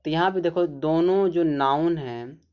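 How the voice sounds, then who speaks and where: A man's voice: on the high side, measured pace, clear, resonant tone, dull audio. A man teaching English grammar, explaining step by step and answering his own questions. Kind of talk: explaining a grammar lesson in Hindi.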